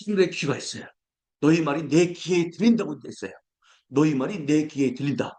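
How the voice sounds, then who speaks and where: High-pitched guy preaching a sermon, animated, slows way down for scripture. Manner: animated, acts out everyday complaints in a raised voice. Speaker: pastor.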